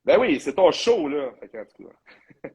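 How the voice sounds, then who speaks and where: A man's voice: fairly high pitch, very animated, measured pace, a crowd in the background, rough recording. A man with a Quebec French accent, a bodybuilding coach hosting a casual live chat in a loose, talkative way, sprinkling in English slang.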